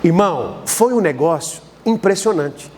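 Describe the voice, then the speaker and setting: A man's voice: high-pitched, lively intonation, measured pace, darkish tone, in a large hall. A man with a Brazilian Portuguese accent, preaching a sermon in a church and telling stories dramatically as he acts out the dialogue. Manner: dramatic storytelling, acting out dialogue. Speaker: pastor. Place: church service hall.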